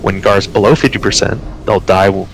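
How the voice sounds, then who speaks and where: A man leading an online game raid, explaining tactics and then calling quick commands. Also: sits low, gravelly, slight background noise, low-quality recording. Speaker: raid leader. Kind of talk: live game commentary.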